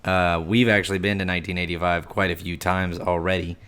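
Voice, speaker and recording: Low, froggy-voiced man with a cold. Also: level tone, fairly quick, fairly bright tone, clear, resonant tone. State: hoarse, froggy voice from losing his voice to a cold. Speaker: podcast co-host. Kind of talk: casual film facts rundown.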